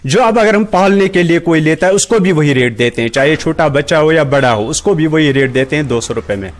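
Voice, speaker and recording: A man's voice: a little high, lively intonation, fairly quick. A middle-aged man with a Kashmiri accent, a rabbit farm worker answering interview questions plainly and practically, recorded on a handheld mic in a large shed. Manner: plain, practical explaining with many polite "ji sir" replies. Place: large open-sided rabbit shed, indoors. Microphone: handheld reporter mic held near mouth.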